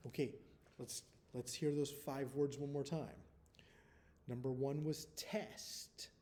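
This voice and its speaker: A man teaching first graders, dictating a spelling test slowly and deliberately, repeating each word and sound and spelling letters out. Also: medium pitch, fairly even intonation, dark tone, a little hiss or hum.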